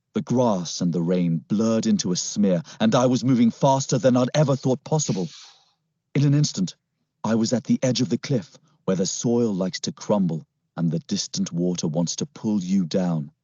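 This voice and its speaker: A man narrating a first-person story in an expressive, dramatic reading. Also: on the low side, breathy edge, no echo. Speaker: audiobook narrator. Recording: slightly muffled, dry.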